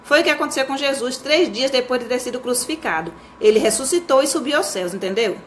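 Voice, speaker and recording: A woman's voice: sits high, animated, fast talker, slight background noise. A woman reading aloud and voicing an indignant, pious mother who scolds her son. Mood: scolding.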